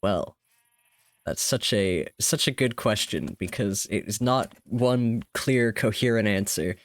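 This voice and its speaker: A man's voice: lowish voice, slow, dry recording. A man chatting casually on his live stream, rambling with small laughs, his voice a little sick and tired. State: sick and slightly hoarse, tired. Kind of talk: casual live-stream chat while gaming. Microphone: desk microphone.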